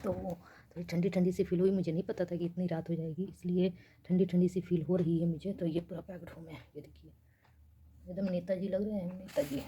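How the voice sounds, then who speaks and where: A young woman from India chatting casually in a late-night vlog, speaking softly so she won't wake her neighbours. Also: fairly low pitch, level tone, a little fast, dull audio, a little hiss or hum. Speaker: vlogger. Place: small rented room in a girls' hostel, at night.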